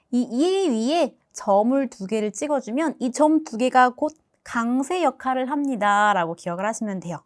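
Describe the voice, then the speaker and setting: A woman with a fairly high, very animated voice gives a language lesson. She explains each rule patiently and says every example word twice, slowly and clearly, so listeners can copy it. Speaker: Russian language teacher.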